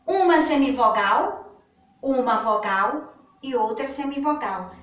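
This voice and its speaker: A woman with a Brazilian Portuguese accent teaching a children's grammar lesson, speaking slowly and patiently and stretching out her words. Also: sits high, expressive. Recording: echoey room, far from the mic.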